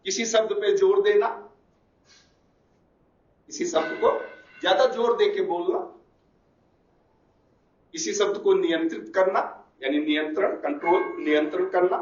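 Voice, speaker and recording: A man teaching a class, explaining each term slowly and repeating it with Hindi equivalents. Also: high voice, fairly even intonation. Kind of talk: classroom lecture. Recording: echoey, distant, muffled room recording.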